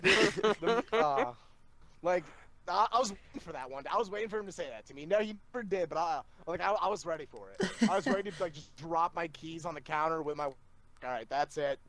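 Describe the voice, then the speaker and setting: A man, a podcast guest, telling funny stories in an animated, laughing way over a remote call. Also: high voice, brisk. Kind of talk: casual storytelling.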